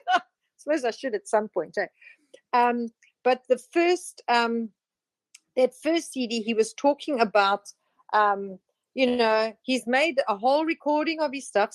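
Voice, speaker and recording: Chatty woman with a bright, raised voice. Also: on the high side, no echo. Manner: meandering, with many fillers and restarts; lively storyteller who acts out quoted voices. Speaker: spiritual teacher. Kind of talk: casual spoken presentation.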